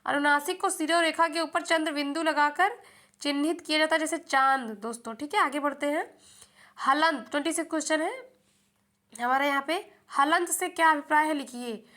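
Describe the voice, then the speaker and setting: A woman's voice: sits high, moderate pace, pushed and bright. A young woman teaching an exam-prep lesson, often repeating a question back to the viewer before answering it herself.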